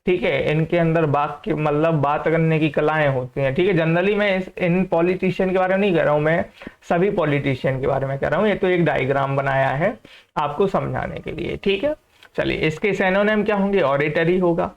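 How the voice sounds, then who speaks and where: Indian male vocabulary teacher, fairly high voice, keeps checking the class follows, dull lo-fi recording. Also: vocal fry. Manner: repeats questions to students and checks understanding; slow, careful reading of English example sentences.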